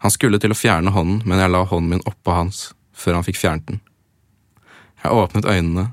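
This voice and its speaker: A man's voice: deep voice, steady tone, no room sound, studio quality. A man on a podcast who reads fan fiction aloud in first person and breaks off now and then for jokey comments. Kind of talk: casual chat with dramatic read-aloud.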